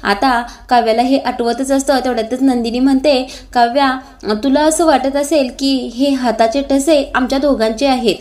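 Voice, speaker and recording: Woman with a high voice retelling a tv serial episode, steady storytelling, little "uh" fillers between bits. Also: moderate pace, hardly any pauses.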